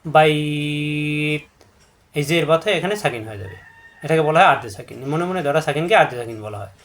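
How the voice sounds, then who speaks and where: A man's voice: fairly high pitch, animated, racing, a bit bright. A man teaching a Quran recitation lesson, patiently repeating rules and drawing out syllables to demonstrate them. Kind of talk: step-by-step tajweed lesson.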